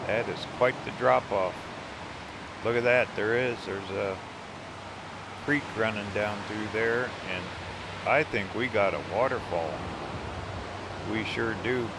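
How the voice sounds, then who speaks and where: A man talks his way through a road trip at an unhurried pace, relaxed and chatty, marveling at what he sees. His voice sits on the low side, and steady car and road noise runs clearly behind him outdoors. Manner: relaxed, chatty, easily delighted by the scenery. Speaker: RV travel vlogger. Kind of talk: casual road trip narration. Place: outdoors, driving and at roadside pull-offs in the mountains.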